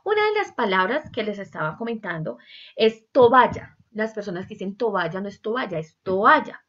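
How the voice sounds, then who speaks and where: Lively woman teaching a class. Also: mid-range voice, moderate pace. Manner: lively, acts out examples, asks "¿sí?" and "¿cierto?" often. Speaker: Spanish teacher. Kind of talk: online class lecture. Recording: dull lo-fi recording.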